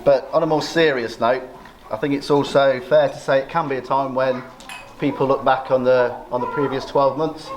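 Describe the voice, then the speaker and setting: A middle-aged man giving an informal, joking wedding speech as father of the bride, with a dry, self-deprecating, sometimes sweary delivery. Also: medium pitch. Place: busy indoor wedding reception. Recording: noisy crowded room, loud ambience. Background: chattering, laughing guests.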